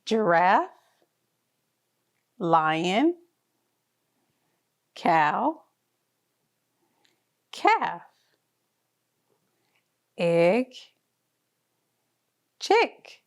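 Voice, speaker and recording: This reader's voice is fairly low, yet she narrates a toddler picture book in a sing-song, encouraging, child-directed way. Her pace is extremely slow, marked by long pauses.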